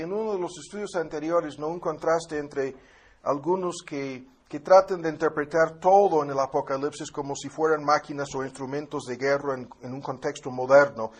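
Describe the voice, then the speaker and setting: Guy with a slightly higher voice teaching a bible class, chatty, lots of fillers and tag questions. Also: slightly rough. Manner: reads scripture aloud, then comments.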